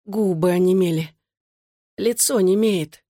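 A weak, feverish girl pleads in a hoarse near-whisper, put on by a woman reading a storybook. The voice sits a bit higher than the reader's own and sounds close and dry, with no room around it. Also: unhurried, mellow, dry recording. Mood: hoarse strained.

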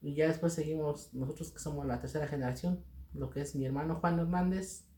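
A man's voice: fairly high pitch, steady tone, a little fast, mellow. A middle-aged man with a Mexican accent answering interview questions as a guest, speaking hesitantly with many fillers and restarts. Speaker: guest artisan. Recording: roomy echo.

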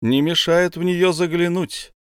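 Old wizard, commanding and brisk, voiced a little high, done by a male storybook reader. Dry close sound. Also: steady tone, clear, resonant tone, no room sound.

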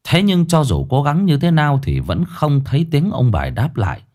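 A man's voice: a little high, big pitch swings, moderate pace, darkish tone. A man narrating a ghost story, dramatic and blunt, with coarse slang.

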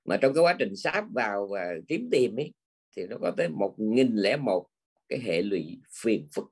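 A man's voice: fairly low pitch, very animated, moderate pace, breathy edge. An older man giving a Buddhist dharma talk in a conversational way, often tagging his sentences with small prompting words. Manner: conversational, with frequent tag words. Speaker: Buddhist teacher.

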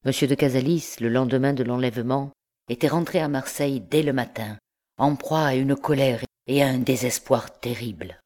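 A woman narrating a classic novel as an audiobook in a measured, expressive reading. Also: rumbling low. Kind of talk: scripted narration.

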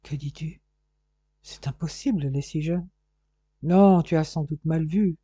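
A man's voice: on the high side, measured pace, warm tone, breathy edge, no room sound. A man voicing a heartbroken, lovesick young man who pleads and despairs. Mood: stunned.

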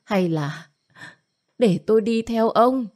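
A woman's voice: fairly low pitch, normal speed, a little mellow, lightly acted. A woman voicing an older, domineering mother who scolds and wails in self-pity. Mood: wailing. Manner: scolding, nagging, wailing.

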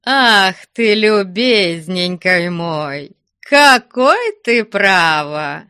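A woman's voice: sits low, sing-song, slow pace, sharp tone, dry recording, clean studio sound, exaggerated voice. A woman reading aloud and voicing a jovial old male abbot who fusses over his guests in a sing-song, doting manner. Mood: fond exclaiming.

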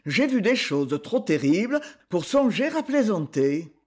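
Guy reading as a scared stammering stonemason begging for help, husky, pitch jumps around. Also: very animated, unhurried, a little mellow, full character voice. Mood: anxious pleading. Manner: pleading, flustered. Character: anxious middle-aged master mason, pleading, stammering.

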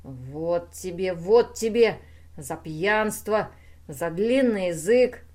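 A woman's voice: fairly low pitch, expressive, slow pace. A woman doing a hot-tempered male inventor. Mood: furious. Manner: furious, shouting.

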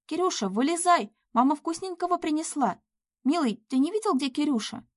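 A woman's voice: high voice, animated, normal speed, a little mellow, no echo, studio quality, pitched above the performer's own voice. A woman voicing a sobbing, pleading young woman. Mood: distraught pleading. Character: tearful young woman begging over her lost cat.

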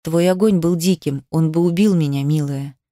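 Brief: woman reads brooding young man, soft low murmur, dry close sound, romance audiobook. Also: normal speed, dry recording, natural voice. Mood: earnest.

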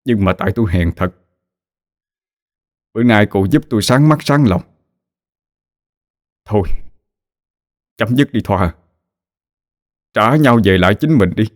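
A man's voice: fairly low pitch, expressive, measured pace, long pauses, no echo, studio quality. A man playing a weary, ashamed husband. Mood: resigned. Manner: tired, resigned, reproachful. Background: faint music.

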